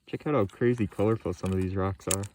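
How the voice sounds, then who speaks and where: A man's voice: low voice, fast talker, a little mellow, a little hiss or hum. A young man giving casual, laid-back vlog commentary in a plainspoken way as he looks for rocks. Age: young adult. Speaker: rock hunting vlogger. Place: outdoors in a yard and rock field, or inside a parked van. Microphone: phone at arm's length.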